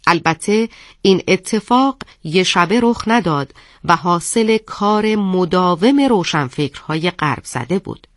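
This is a measured, didactic reading of a scripted radio segment. The voice sits at a middle pitch. The sound is dry and close. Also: a bit bright, dry recording. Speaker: narrator.

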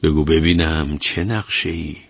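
A man voicing an old wife who is frightened and curious, speaking in high, alarmed exclamations. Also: fairly even intonation, vocal fry, breathy edge, dry recording, full character voice. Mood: eager.

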